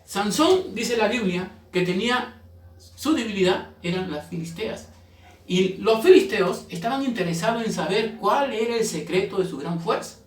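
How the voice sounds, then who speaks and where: Pastor preaching in an echoey room. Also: male voice, high voice, expressive, normal speed. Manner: storytelling, emphatic. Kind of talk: sermon. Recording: echoey room, mic far off.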